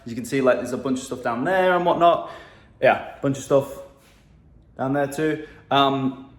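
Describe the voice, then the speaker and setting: A man's voice: mid-range voice, normal speed. Man, phone video, handheld phone mic, casual advice to camera, chatty with fillers, roomy echo. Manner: loose and chatty, many fillers like "um", "and whatnot" and "right?". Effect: phone video recording. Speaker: marketing agency coach. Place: room indoors in a new apartment. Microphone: handheld phone held at arm's length. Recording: echoey room on a phone mic.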